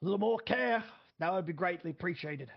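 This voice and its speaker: A man voicing a gruff, impatient older male soldier with a put-on Scottish accent, barking orders. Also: high-pitched, lively intonation, brisk, exaggerated voice. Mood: stern. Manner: barking, shouty. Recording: dull lo-fi audio.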